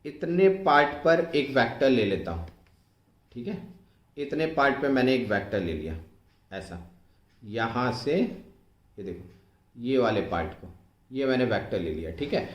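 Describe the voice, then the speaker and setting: A male physics teacher giving an online exam-prep lecture, explaining slowly and repeating himself, often asking whether it is clear and dictating English phrases word by word as he writes. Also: medium pitch, roomy sound. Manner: slow, repetitive, keeps asking if it is clear.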